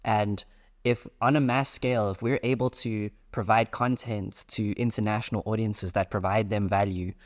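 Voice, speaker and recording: A young South African man hosts a casual podcast interview, explaining his ideas at length. His voice is lowish and steady, and he keeps a moderate pace.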